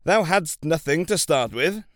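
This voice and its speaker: A man voicing a loud, regal ancient king. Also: fairly high pitch, expressive, unhurried, no room sound, clean studio sound, pitched above the performer's own voice. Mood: eager. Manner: demanding, regal. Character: commanding ancient male king.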